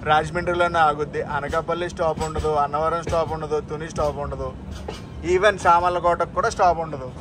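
A chatty man films himself on a train journey and talks to his viewers the whole way, pointing out tracks and stations. His voice sits a little high for a man. Loud rumble from the train and the station plays under every word. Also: fairly even intonation, fast talker. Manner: chatty, addresses viewers directly, points things out. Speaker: train travel vlogger. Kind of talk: casual travel vlog narration. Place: on a train and station platforms, outdoors. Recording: train and station noise behind.

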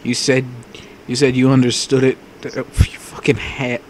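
A man's voice: mid-range voice, completely flat delivery, moderate pace, a little hiss or hum. A man hosting a let's play, reading visual novel text aloud and trading crude jokes with a friend. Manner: crude, joking, laughs often. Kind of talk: casual gaming banter. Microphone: wireless mic.

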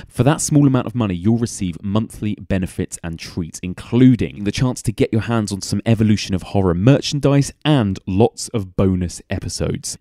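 A man's voice: on the low side, warm tone, dry recording, clean studio sound. A man hosting a podcast, giving a chatty, upbeat promotional announcement. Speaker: podcast host.

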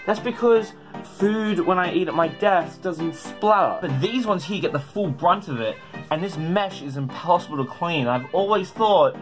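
A man's voice: sits high, expressive, moderate pace, music in the background. A man vlogging casually, swearing freely and mocking himself. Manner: profane, self-deprecating. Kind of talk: casual self-filmed vlog.

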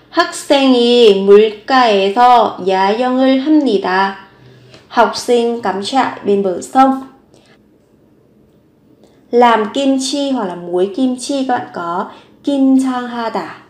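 A woman with a somewhat high voice gives a vocabulary lesson. She reads each word and example sentence aloud and repeats it slowly and carefully. The room sounds echoey. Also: a little mellow. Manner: slow, careful repetition of words and sentences. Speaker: Korean language teacher.

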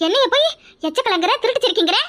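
A woman voicing a loud, quarrelsome middle-aged village woman in a cartoon, with a scolding, rapid-fire way of talking. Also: very high voice, lively intonation. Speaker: cartoon character. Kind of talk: cartoon voice acting.

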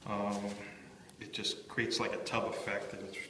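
A contractor from Chicago narrates his factory bathroom job in an unhurried, level tone, his fairly low voice sounding pushed and bright. He keeps it plain and matter-of-fact, with plenty of fillers. Recorded on a handheld phone in a large, echoey, unfinished room, with slight background noise.

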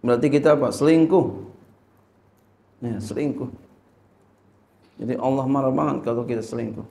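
A man's voice: mid-range voice, normal speed, creaky, dark tone, roomy sound. A male Islamic teacher teaching a religious lesson. He reads Arabic text, translates it and asks rhetorical questions.

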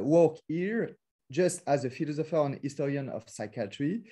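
A man's voice: a little high, warm tone. A man with a French accent, a philosopher speaking in an academic webinar, with many hesitations and fillers and careful non-native English phrasing. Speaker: lecturer. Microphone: video call.

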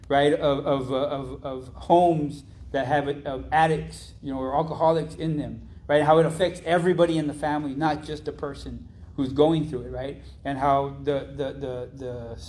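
Halting young man giving a sermon testimony. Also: a little high, darkish tone, a little hiss or hum. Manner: halting, many restarts, frequent "right?". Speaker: preacher.

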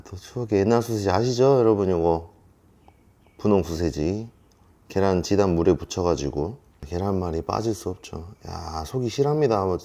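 A man in his thirties with a deep, darkish voice talks to viewers at home in a casual mukbang vlog. He eats a delivery meal and drinks as he chats.

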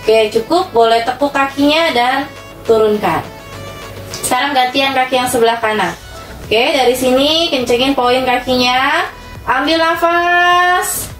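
High-voiced Indonesian woman counting workout reps. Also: moderate pace. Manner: counting workout reps between short instructions. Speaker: fitness instructor for older adults. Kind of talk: exercise instruction, cueing breaths and counting reps. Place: small tiled indoor room at home. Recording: echoey room, distant mic, music behind.

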